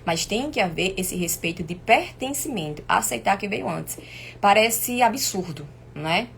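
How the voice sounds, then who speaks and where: A woman's voice: mid-range voice, lively intonation, a little slow, a bit bright. A woman with a Brazilian accent and an inflamed, sore throat, teaching informally on a live stream in an emphatic, didactic way with repeated points. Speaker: family constellation teacher hosting a live stream. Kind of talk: informal live lesson to viewers. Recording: clear background noise.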